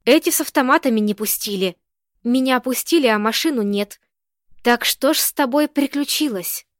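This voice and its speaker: A woman's voice: high voice, moderate pace, no echo, close to an everyday voice. A woman reading the lines of a fussy, talkative old landlady who chatters and frets, in a dry, close-sounding recording. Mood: fretful. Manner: chattering, fretful.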